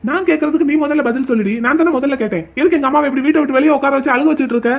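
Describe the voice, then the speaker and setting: A woman's voice: high voice, rapid-fire, gravelly, voice pushed down. A woman voicing a quarrelsome young man, a grown son, speaking bluntly. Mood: angry.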